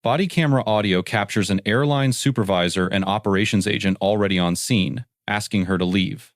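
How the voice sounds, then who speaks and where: Low-pitched male narrator, dry close sound. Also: no echo. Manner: measured, factual. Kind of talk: scripted legal explainer narration.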